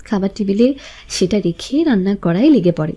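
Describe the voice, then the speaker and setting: A woman storyteller reading a romance in a smooth, even narrating voice. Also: medium pitch, normal speed, lo-fi sound, faint music behind.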